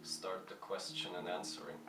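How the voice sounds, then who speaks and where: A musician answers fan questions to camera at home, talking in a very low, deep, monotone voice. He is shy and halting, with many fillers and restarts. The mic is some distance away in an echoey room, and music plays clearly in the background.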